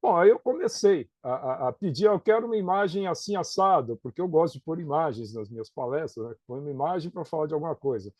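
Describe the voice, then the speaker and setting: A man's voice: on the high side, lively intonation, fast talker, hardly any pauses, mellow, no room sound. A middle-aged man with a Brazilian Portuguese accent, a professor explaining things in an interview, often checking in with "né?" and "tá?". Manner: conversational, tags points with "né?" and "tá?".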